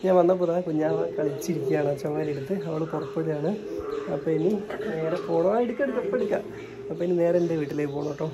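A man's voice: on the high side, fast, over a noisy crowd. A man chatting casually for a family vlog, often slipping into sing-song baby talk to coax a toddler. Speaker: family vlogger. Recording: background music over the voice.

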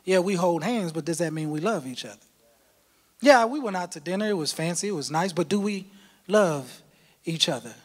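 Impassioned high-voiced male pastor preaching. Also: lively intonation, moderate pace. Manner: impassioned preaching, rising to shouts and dropping low; repeats words for emphasis. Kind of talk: sermon. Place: church sanctuary. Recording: long hall reverb.

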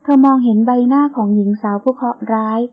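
A woman narrating a romance novel in a steady storytelling manner. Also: on the high side, quick pace. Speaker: audiobook narrator. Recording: tinny phone-like sound.

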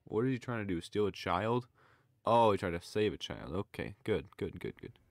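A man's voice: on the low side, lively intonation, moderate pace, creaky, no echo, clean studio sound. A young man giving loose, casual running commentary on fail clips, full of exclamations. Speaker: reaction video creator.

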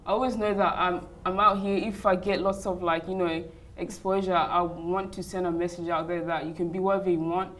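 Chatty young woman, low voice. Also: steady tone, fairly quick, hardly any pauses. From Uganda, raised in Australia. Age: young adult. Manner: chatty, many "like" and "you know" fillers. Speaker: interview guest, model. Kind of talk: casual interview answers. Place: hotel lounge, indoors.

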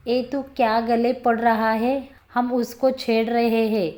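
A woman's voice: on the high side, flat delivery, takes it slowly, a little mellow. A woman voicing rowdy young male street thugs who jeer coarsely in a storybook reading. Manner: jeering, coarse.

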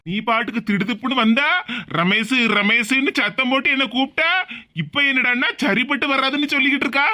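A woman's voice: sits high, steady tone, a little fast, sharp tone. A woman voicing a confused, harried young husband caught between wife and mother in a cartoon, in a Tirunelveli Tamil accent. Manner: puzzled, flustered.

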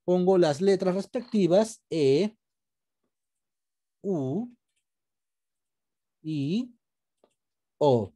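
A man's voice: sits high, expressive, drawn-out words, pauses often, mellow. A male teacher, patiently taking an online class through an exercise step by step and quizzing his students. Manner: patient, explains step by step, asks students questions. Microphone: video call.

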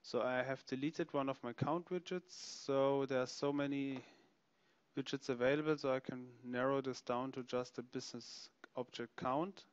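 A man narrating a software product demonstration, explaining features step by step as he clicks through them. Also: mid-range voice, fairly even intonation, moderate pace, clean tone, no echo, highs cut off. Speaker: software demo presenter.

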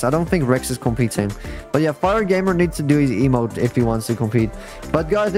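A man with a slightly high voice hosts a livestream in a loose, slangy, chatty way. He talks straight to viewers and players as he commentates on the game, with music playing faintly behind him. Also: darkish tone. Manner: slangy, addressing viewers and players as bro and guys. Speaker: live streamer hosting a game fashion show.

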